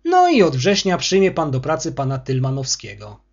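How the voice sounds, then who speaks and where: A man's voice: medium pitch, wildly swooping pitch, normal speed, muffled recording. A man voicing a bullying, arrogant male school superintendent who scolds harshly. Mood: angry.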